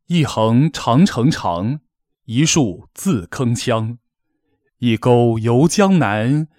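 A master of ceremonies, medium-pitched and a little mellow, delivers a formal gala's scripted poetic address in a measured, solemn, declamatory style. The recording is studio quality with no room sound.

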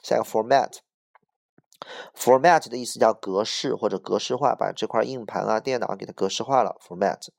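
Low, gravelly man teaching vocabulary. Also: moderate pace. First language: Chinese. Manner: patient, explains each word in Chinese with examples. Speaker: English teacher. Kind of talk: vocabulary lesson.

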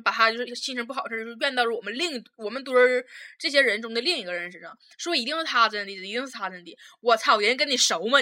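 A young woman with a Northeastern Mandarin accent hosts a podcast, telling stories in a loose, chatty way that's blunt and full of profanity, and she laughs a lot. Her voice sits on the high side, with a bright, forceful tone.

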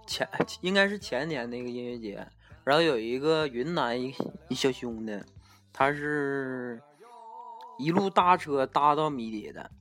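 A man with a Northeastern Mandarin accent chatting casually as a podcast co-host, telling stories with halting restarts. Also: medium pitch, lively intonation, fairly bright tone. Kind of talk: casual chat.

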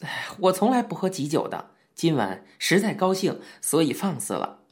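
A man voicing a cheeky, sharp-tongued young man in an audiobook reading. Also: on the high side, big pitch swings. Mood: eager. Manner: eager, quick-witted, cheeky. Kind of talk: audiobook character voice.

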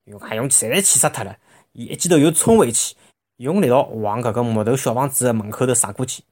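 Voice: mid-range voice, fast talker, darkish tone. A storyteller with a Shanghainese accent narrating a children's story expressively, with vivid sound words.

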